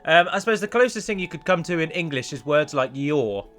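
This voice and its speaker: A gaming video host and mod developer records a let's play on a close microphone, giving chatty, self-deprecating commentary as he plays. His voice is a little high, bright, animated, and fairly quick, with faint music behind him.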